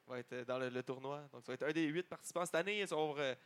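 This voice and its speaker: A man's voice: a little high, rapid-fire, fairly bright tone, smooth. Quebec French man, casual podcast host. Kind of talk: casual podcast banter about wrestling.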